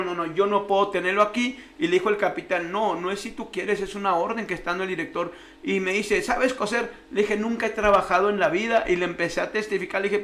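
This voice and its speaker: A man's voice: high voice, bright, forceful tone. A man telling his life testimony as a radio guest, acting out the voices of the people in his story. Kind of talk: emotional personal testimony.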